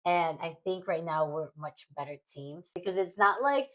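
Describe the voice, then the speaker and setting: Low-voiced woman hosting a chatty podcast. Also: expressive, normal speed, a bit bright, low-quality recording. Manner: chatty, laughs often, questioning. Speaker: podcast host. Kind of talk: casual chat.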